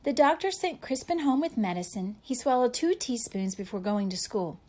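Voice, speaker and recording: A woman reading a picture book aloud to young children with deliberate, dramatic emphasis. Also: fairly high pitch, expressive, mellow.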